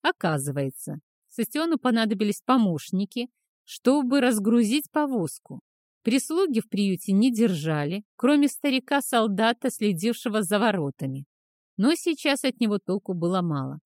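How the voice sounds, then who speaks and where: A woman narrating a fantasy audiobook in a steady, even reading voice. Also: medium pitch, normal speed, no echo, studio quality.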